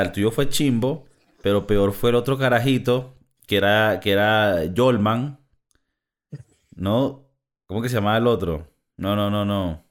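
A man from Venezuela with a Venezuelan accent, co-hosting a casual chat in a frank, laughing, profane way. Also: on the low side. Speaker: podcast co-host.

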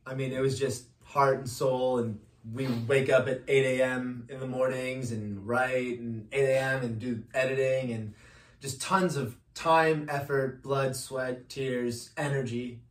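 A man of middle pitch talks in an easy, reflective way, often trailing off before he picks up again. He sounds set back from the mic in a roomy space, with the room ringing around his voice. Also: steady tone, unhurried, distant mic. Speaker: podcast guest, filmmaker. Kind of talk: casual chat.

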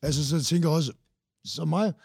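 A man's voice: fairly high pitch, creaky, a little mellow, breathy edge, no room sound, clean studio sound. A man in his forties, a podcast guest, chatting casually in a rambling way with many restarts and a lot of swearing. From Denmark. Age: 40s. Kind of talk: casual chat.

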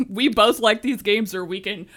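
A woman's voice: mid-range voice, measured pace, a bit bright. Enthusiastic woman podcast co-host. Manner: enthusiastic, swears casually, frequent backchannel. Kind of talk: casual chat about games.

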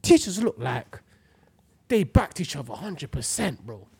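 A young man speaks in a London roadman accent, casual and full of slang. His voice sits slightly high and moves around a lot in pitch. He presses his points emphatically and repeats them, in a dry, close-sounding recording. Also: sing-song, unhurried, gravelly, warm tone, husky, dry recording.

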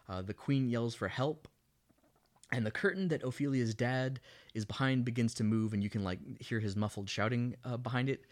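A man co-hosting a casual podcast, recapping a film scene by scene in a sarcastic, mocking tone and now and then hamming up quoted lines. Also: mid-range voice. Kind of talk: casual comedic chat.

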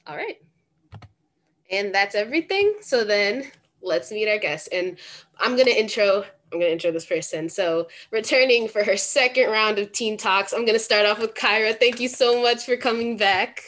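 A teenage girl hosts a relaxed panel over a video call. She talks in a chatty, upbeat way and fills her questions with "like". Her voice sits at an ordinary middle pitch. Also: normal speed. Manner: chatty, upbeat, uses fillers like "like". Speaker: host.

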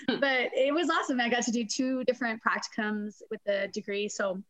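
A woman's voice: fairly high pitch, moderate pace, a crowd in the background. A woman in her forties from Canada, a guest telling stories in a casual interview, chatty and laughing often. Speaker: guest, fitness testing company and former corrections supervisor.

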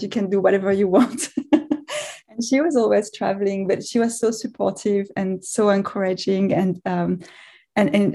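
Guesting on a casual podcast, a middle-aged physics professor from France answers interview questions in a halting way, frequently restarting and correcting herself. Her mid-range voice has a gravelly, creaky edge and a mellow, dark tone rather than a bright one.

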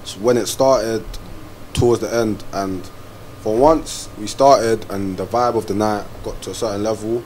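A man's voice: fairly low pitch, steady tone, unhurried, a little mellow, poor audio. A young man with a south London accent chatting casually and playfully in a group interview, using slang. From Croydon, south London, England. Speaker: streetwear brand member being interviewed. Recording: faint background noise.

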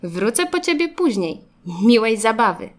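A gentle mother car from a children's storybook, read by a woman, coaxing in a sing-song, lively voice. She is loving but brisk. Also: on the high side. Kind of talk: storybook reading.

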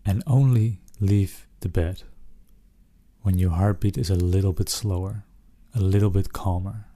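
Male sleep-story style relaxation guide: low, soft-edged, gentle, unhurried pauses. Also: steady tone, no echo.

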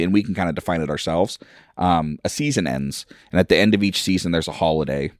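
A man's voice: low-pitched, no room sound, clean studio sound. A man acting as game master, enthusiastically explaining the rules of a tabletop game.

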